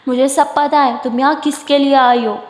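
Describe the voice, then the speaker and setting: A woman's voice: high voice, fairly even intonation, moderate pace, natural voice. A woman voicing a stern, knowing mother who scolds and teases. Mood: knowing, teasing. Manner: scolding, sarcastic. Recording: echoey room with long reverb.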